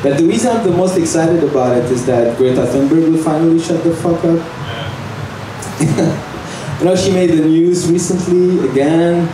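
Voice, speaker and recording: At an open mic in a small indoor bar, a young Algerian man does stand-up with a fairly high voice, telling jokes deadpan amid halting fillers and nervous laughs. He uses a handheld mic, but the camera films him from far away, so the sound is echoey and noisy.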